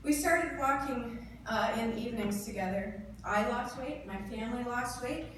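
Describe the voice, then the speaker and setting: A Canadian woman in her thirties gives a prepared motivational speech to a live audience, speaking earnestly and emphatically in short, deliberate phrases. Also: on the high side. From northern Ontario, Canada. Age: 30s. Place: indoor event room before an audience. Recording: echoey room, distant mic, clear background noise.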